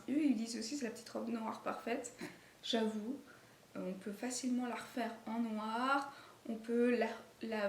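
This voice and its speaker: A woman sewing vlogger with an accent, chatting casually about garments she made, full of fillers and restarts. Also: a little high. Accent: non-native French accent. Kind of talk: casual chat showing garments. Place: indoor room at home, filming late in the day. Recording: echoey room with faint noise.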